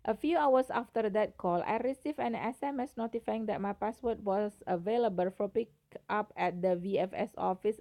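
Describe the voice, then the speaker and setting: Mellow-voiced Indonesian-accented woman reading aloud. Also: mid-range voice. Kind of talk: reading a written personal essay aloud.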